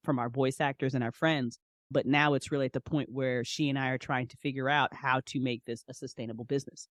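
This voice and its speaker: Her voice rumbles low in a dry, studio-quality recording. Interviewed on a podcast about her work writing and directing audio dramas, she speaks in a relaxed yet fervent way, repeating phrases to drive points home.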